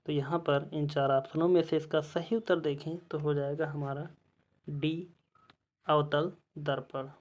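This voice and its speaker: Male teacher, exam-prep lesson, unhurried delivery, reads quiz options one by one, dull lo-fi recording. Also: a little high, level tone.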